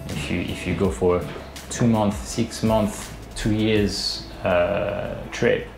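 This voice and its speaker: A boat designer in his thirties explains things in a video-call interview from an indoor room, hesitant and full of fillers and restarts. His voice is fairly low, creaky and slow with fairly even intonation, heard over music. The webcam audio is roomy with faint hiss.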